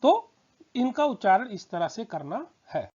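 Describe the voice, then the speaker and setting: A man's voice: high-pitched, sing-song, unhurried, a little mellow, slightly rough. A man teaching a grammar lesson to students, patiently repeating example words and checking that they understand. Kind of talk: slow spoken grammar lesson. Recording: slightly dull lo-fi sound.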